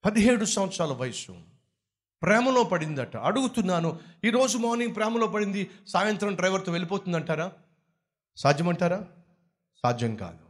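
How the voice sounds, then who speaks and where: Male preacher, high voice with big pitch swings, impassioned sermon full of rhetorical questions. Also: lively intonation, fairly quick, long pauses. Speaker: pastor. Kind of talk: sermon with closing prayer.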